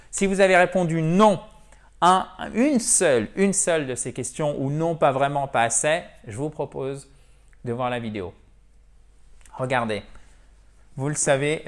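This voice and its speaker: French man teaching English pronunciation. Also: mid-range voice. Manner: didactic, repeats words slowly for drill. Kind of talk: video lesson for French speakers.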